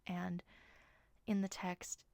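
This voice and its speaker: Young woman host, gravelly and low-pitched, gentle storytelling that sinks to a whisper, dry close recording. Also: little pitch movement, slow pace, no room sound. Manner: soft, reflective, often drops to a whisper. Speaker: podcast host. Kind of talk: personal storytelling monologue.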